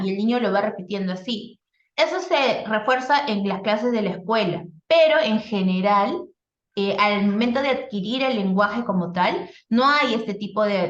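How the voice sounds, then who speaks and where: A higher-pitched woman teaching as a speech therapist in a live online workshop. She explains step by step, checking in with listeners and leaning on fillers. Her voice comes over a dull, roomy video call line. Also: fairly bright tone. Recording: echoey lo-fi video call audio.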